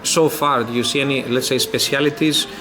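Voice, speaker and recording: A man from Greece interviewing a guest, framing long, deliberate questions. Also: mid-range voice, steady tone.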